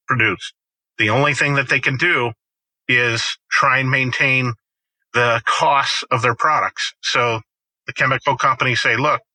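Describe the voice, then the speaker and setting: A middle-aged man speaks as a guest farmer in a conversational interview. His voice is very bright and forceful, and he punches his points with animated quoted lines. The sound is dry and close. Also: mid-range voice, dry recording, low-quality recording. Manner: storytelling, emphatic, animated quoting.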